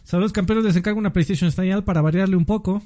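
A man's voice: high-pitched, steady tone, very fast, mellow. A man with a Mexican accent hosting a casual podcast, talking informally and straight to viewers, with casual swearing. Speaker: podcast host reading listener greetings.

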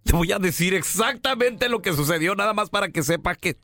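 A man's voice: sits high, animated, a little fast, sharp tone, exaggerated voice. A man playing an indignant, jealous young husband who complains dramatically and repeats himself, with music behind. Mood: complaining.

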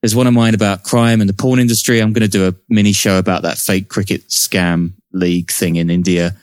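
A man's voice: low-pitched, little pitch movement, fairly quick, no echo, studio quality. A man hosting a podcast, moving between scripted narration and introductions. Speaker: podcast host, journalist.

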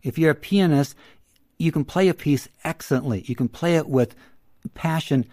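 A man who works as a counselor explains his ideas in an interview, measured and teacherly, repeating his key phrases. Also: a little high, warm tone, dry recording, studio quality. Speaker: counselor guest.

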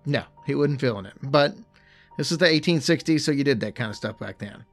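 A man's voice: medium pitch, a little fast, a bit bright, soft background music. A man co-hosting a podcast, casually telling a ghost story with chatty, joking asides. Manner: chatty, laid-back, jokey asides.

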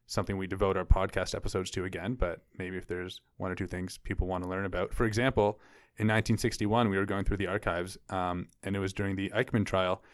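A man co-hosting a podcast, easygoing and quick to laugh in casual chat. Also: sits low, little pitch movement, no echo, clean studio sound. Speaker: podcast co-host.

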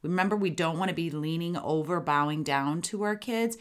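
Middle-aged female podcast host, parenting coach, lower register, chatty, acts out examples. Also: brisk, clear, resonant tone. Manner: chatty, lively, acts out sample lines to kids. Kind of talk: solo podcast advice talk.

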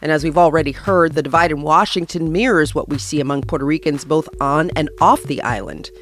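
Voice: medium pitch, fairly quick, fairly bright tone. A radio host delivering scripted broadcast narration.

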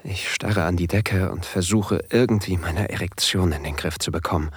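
In this first-person audio drama, a man voices a keen yet jittery submissive husband, telling his tale in a slow, hushed way. The sound is low-pitched and slightly rough with no echo, carrying a nervous, aroused feeling.

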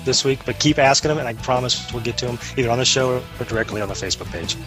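A man's voice: mid-range voice, racing, fairly bright tone, faint music behind. A man co-hosting an internet radio show, talking eagerly and upbeat with frequent restarts. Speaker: podcast co-host. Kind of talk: casual radio chat.

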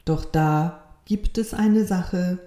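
A woman voicing God as a calm, gentle, all-knowing creator in a storybook reading, speaking softly and patiently. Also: on the low side, slow. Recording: roomy echo.

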